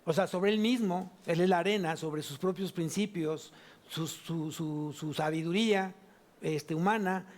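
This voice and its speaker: A man with a Mexican Spanish accent preaching a sermon at a church service, asking the congregation question after question and drawing out key words slowly. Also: high-pitched. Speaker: pastor.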